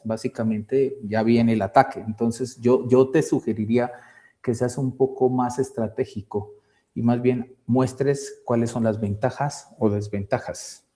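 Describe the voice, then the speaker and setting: A man from Colombia giving academic feedback on a thesis presentation, halting and repeating words as he thinks, on a video call. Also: mid-range voice, mellow. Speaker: thesis committee member.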